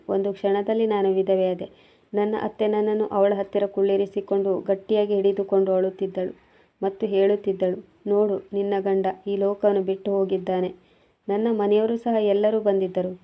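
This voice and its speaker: A woman reads a first-person story in a steady, measured tone. Her pitch barely moves from line to line. The sound is thin and tinny, like a phone line. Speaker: narrator.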